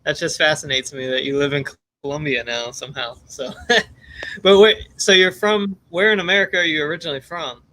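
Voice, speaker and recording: A man's voice: on the high side, fairly even intonation, a little fast, pushed and bright. A man hosting his own livestream, chatting loosely with many fillers and restarts. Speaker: livestream host. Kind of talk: casual livestream chat.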